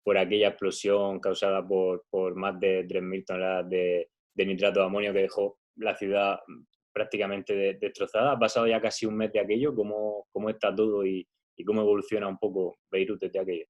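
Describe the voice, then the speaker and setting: Low voiced host guy asking questions, stumbly restarts, dull muffled audio. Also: level tone, a little fast. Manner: conversational, stammering restarts. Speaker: interviewer, podcast host. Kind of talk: interview questions.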